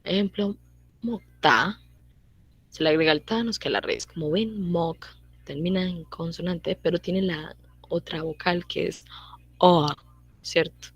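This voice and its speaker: A young woman giving a casual online grammar lesson, repeating her points and checking in with quick tag questions. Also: on the low side, breathy edge, no room sound, highs cut off. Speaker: language teacher.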